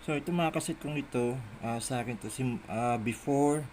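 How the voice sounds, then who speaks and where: Filming on a phone held in his hand, a middle-aged cassette collector from the Philippines casually walks through his collection. His mid-range voice moves at normal speed, a little mellow, with a Manila Tagalog accent, and he mutters to himself as the noisy phone audio rolls.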